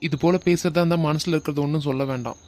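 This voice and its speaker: A man voicing an earnest young man in an animated love drama, with a Kanyakumari Tamil accent and a subdued manner. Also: fairly high pitch, rapid-fire, lightly acted. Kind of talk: animated web series voice acting.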